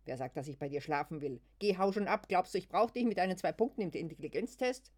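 A reader voicing a blunt, feisty young woman from a care home, who talks in short, broken sentences and gets loud and cheeky. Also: mid-range voice, expressive, moderate pace. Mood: scolding.

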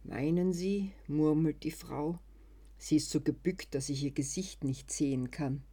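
A narrator reading a first-person short story in a calm, measured way. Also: medium pitch, slightly rough.

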